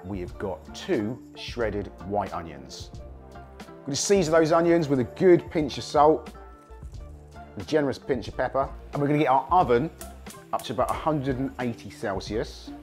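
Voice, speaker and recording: A man hosting a casual cooking demonstration, hoarse from a cold, chatting enthusiastically to viewers as he cooks. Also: medium pitch, moderate pace, a little mellow, soft background music. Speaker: cooking show host.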